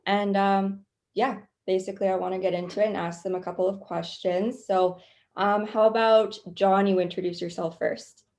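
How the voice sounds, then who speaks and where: A woman's voice: mid-range voice, little pitch movement, a little mellow. A young woman from Canada, a student co-host asking questions casually with lots of ums. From Calgary, Canada. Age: young adult. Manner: friendly, filler-heavy, quick asides. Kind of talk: casual interview hosting.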